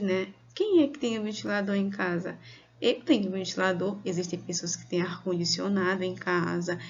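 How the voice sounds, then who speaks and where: A female teacher with a Brazilian Portuguese accent gives children a video lesson, speaking slowly and patiently while drawing out her words. Her voice is mid-range, and the recording sounds muffled.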